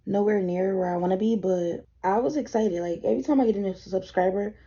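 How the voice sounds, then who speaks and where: A tired 21-year-old woman chats in a rambling, casual get-ready-with-me vlog, swearing now and then as she sits at her desk. Her voice is fairly quick and dark with a breathy edge, a little deeper than usual from fatigue. The lo-fi camera audio sounds dull.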